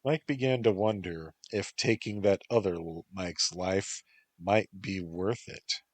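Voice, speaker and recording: A man narrating a story in a measured, even reading. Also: deep voice, dry recording.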